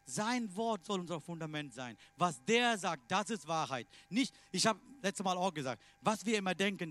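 Preaching in non-native German phrasing, this man has a voice on the high side. He is emphatic, alternating loud pronouncements with quieter asides.

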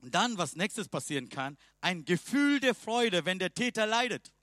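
A man preaching a sermon emphatically, swinging between loud and soft passages. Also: high voice, very animated, moderate pace, no room sound, studio quality.

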